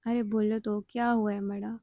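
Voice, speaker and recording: A woman's voice: medium pitch, flat delivery, no room sound, narrow, tinny audio, close to an everyday voice. Woman reading a blunt, scolding old grandmother. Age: older. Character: older grandmother, blunt, quick-tempered, loving.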